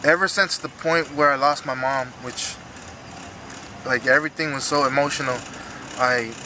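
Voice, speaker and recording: Emotional man, bright forceful voice, halting delivery. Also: medium pitch, steady tone, slight background noise, rough recording. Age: 30s. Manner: halting, earnest, repeats himself. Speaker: retiring fighter being interviewed. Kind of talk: emotional post-fight interview, unscripted.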